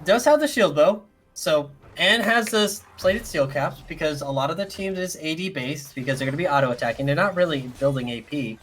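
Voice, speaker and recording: A man calls a live esports match play-by-play with a high, bouncy voice that leaps all over the place. He is excitable and jokey, drifting into rambling asides. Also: fairly quick, few pauses. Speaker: esports caster.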